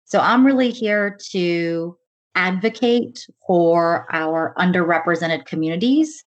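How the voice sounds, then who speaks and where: A woman from the United States speaking in an interview about her work leading diversity and inclusion, earnest and measured, often saying "really" and "kind of.". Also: fairly low pitch, highs cut off. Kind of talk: conversational interview.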